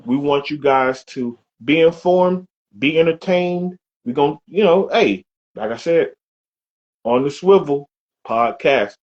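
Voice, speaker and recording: Lively husky-voiced man co-hosting a podcast. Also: on the high side, slow pace, highs cut off. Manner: animated, repeats phrases, rises sharply for emphasis. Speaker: podcast co-host. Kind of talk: casual sports barbershop chat.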